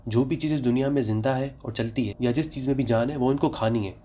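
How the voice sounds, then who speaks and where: A young Pakistani comedy vlogger with a dark, mellow, medium-pitched voice rattles off sarcastic jokes at a brisk clip. He then moves into steady public health advice, keeping the same quick delivery.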